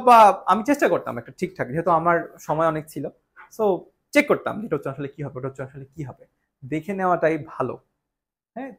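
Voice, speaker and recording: A young male English teacher with a fairly high voice leads a grammar lesson. He works through each point step by step, keeps checking with his students and slips English words into his talk. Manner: explains step by step, asks students rhetorical questions.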